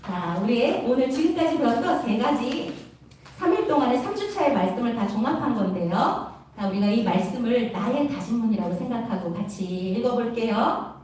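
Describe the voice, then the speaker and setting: A young woman preaching a lively youth sermon, acting out quarrels and laughing often. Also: on the high side, moderate pace. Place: church hall. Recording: echoey room, voice from far off.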